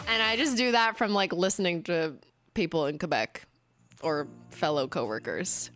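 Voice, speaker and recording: A young Canadian woman with a low-pitched, slightly bright voice and a Canadian English accent hosts a casual livestream while sick and losing her voice. A brand founder, she's chatty, laughs frequently and alternates between English and French.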